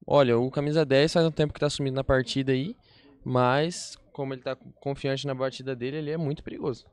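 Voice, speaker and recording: A man's voice: mid-range voice, steady tone, quick pace, smooth, no room sound. A man with a Brazilian accent giving colloquial, conversational analysis as a football pundit.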